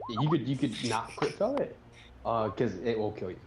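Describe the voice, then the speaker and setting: A man's voice: mid-range voice, big pitch swings, normal speed, background noise. A man narrating as game master, describing scenes with frequent ums and restarts.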